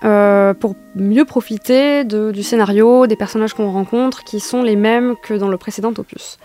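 A woman of middle pitch chats as a guest on a talk show about video games. She explains things in a relaxed way, pausing on fillers, with faint music under her voice. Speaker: guest gamer.

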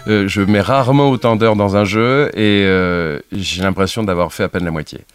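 A low-voiced man hosts a casual chat about video games in French. He talks loosely and hesitates often, with filler sounds and restarts, while faint music plays underneath. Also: normal speed. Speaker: radio show host.

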